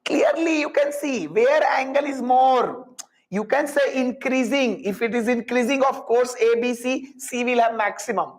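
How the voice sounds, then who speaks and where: A man's voice: very high-pitched, animated, moderate pace, poor audio. A man with an Indian accent teaching a live physics class, explaining step by step, repeating phrases and putting questions to students with Hindi tags mixed in.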